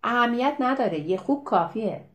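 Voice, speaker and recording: A woman reading aloud voices a cheeky, tipsy young male villager who talks loudly in a teasing, colloquial way. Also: a little high, expressive, pitched above the performer's own voice, natural voice.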